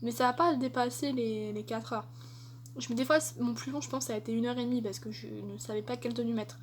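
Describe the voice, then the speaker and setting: A young woman with a somewhat high, brisk voice answers tag questions in a casual vlog, chatty and hesitant and full of fillers. There's a little background noise.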